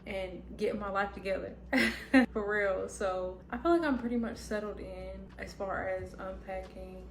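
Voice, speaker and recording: A woman's voice: medium pitch, moderate pace, creaky. A woman vlogging casually, with a slight lisp from wearing retainers. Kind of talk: casual vlog chat. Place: indoors at home, echoey apartment room. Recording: roomy echo, music behind.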